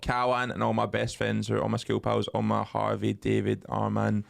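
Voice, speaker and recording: A young man with a fairly low, gravelly voice co-hosts a podcast at normal speed, telling stories in casual chat. He swears a lot, jokes, and tells his stories animatedly.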